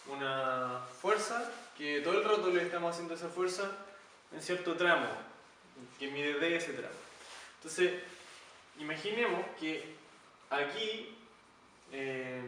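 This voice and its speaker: A man's voice: fairly high pitch, a bit bright. A man explaining physics casually, thinking aloud with fillers and rhetorical questions. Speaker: physics teacher. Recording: very echoey room, mic at a distance, faint noise.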